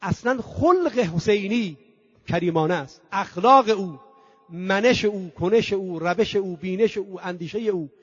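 High-voiced preacher with dull dry sound. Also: male voice, slightly rough, no room sound. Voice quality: chants scripture in a singing tone; rhetorical questions and long emphatic lists. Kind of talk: mourning-gathering sermon.

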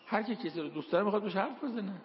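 A man's voice: sits high, expressive, a little hiss or hum. A man preaching a sermon, telling stories and quoting verses. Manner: storytelling, quotes Quranic verses. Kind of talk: sermon with told anecdotes. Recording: echoey hall, dull lo-fi sound.

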